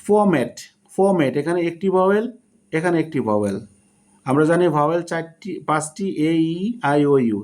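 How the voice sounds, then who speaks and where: A man giving a spoken English lesson, explaining slowly and breaking words into syllables. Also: fairly high pitch, a little mellow. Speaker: English teacher.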